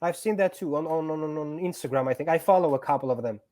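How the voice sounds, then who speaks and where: Earnest higher-voiced male guest. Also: fast talker, a little mellow. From born in Georgia, raised in Greece. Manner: earnest, repeats words while finding phrasing. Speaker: guest actor and stuntman. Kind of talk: casual interview chat.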